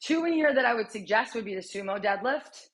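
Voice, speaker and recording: A woman's voice: on the high side, lively intonation, brisk. A woman in her thirties coaching a strength workout while exercising, chatty and encouraging, with sighs and short breaths between cues. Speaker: fitness coach.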